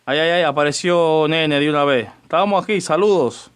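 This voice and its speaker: Priest doing a radio doctrine show, kinda high voice, chatty, greets folks by name. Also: male voice, moderate pace, fairly bright tone, smooth. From Dominican Republic. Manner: chatty, greets listeners by name between points. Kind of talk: radio teaching on church doctrine.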